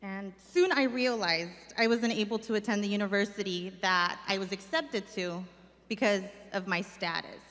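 Reading earnestly from her notes at a stand mic on a large stage, a young adult community organizer from Mexico gives a personal speech. Her mid-range voice is a bit bright and moves at a moderate pace, and the stage mic picks up a long hall reverb.

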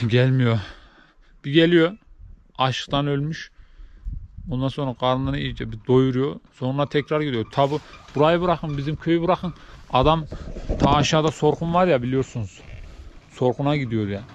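A man vlogging from a snowy farm barn, chatting casually to camera while doing chores and cooing at newborn goats, then dropping to soft low chatter. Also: moderate pace, long pauses, muffled recording. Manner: coos and baby-talks at animals, rising high and loud; drops to soft, low chatter when explaining. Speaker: village vlogger tending goats.

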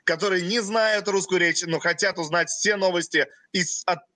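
Leading a company webinar as its president, a young man from Russia speaks in short phrases, stopping after each for his interpreter. His steady voice sits high for a man and comes across bright and forward, captured close and dry with no room around it.

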